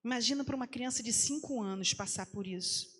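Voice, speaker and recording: A woman's voice: on the high side, fairly quick, fairly bright tone, husky. A woman pastor telling a testimony in a sermon, acting out the voices in the quoted lines. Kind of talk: sermon storytelling. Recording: long hall reverb.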